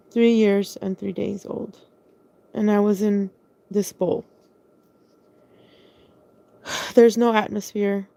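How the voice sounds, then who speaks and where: Her voice sits in the middle range, gravelly yet a touch mellow. In a loose, wandering monologue about her own life, she pauses often, begins sentences again and spells out certain words one letter at a time.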